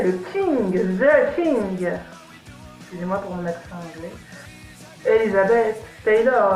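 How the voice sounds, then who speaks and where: A woman gives a chatty voice-over and corrects her slips as she talks. Her voice sits at a middle pitch and sounds set back from the mic. The room is echoey, with faint music underneath. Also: recorded from a distance. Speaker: fashion history vlogger. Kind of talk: voice-over narration.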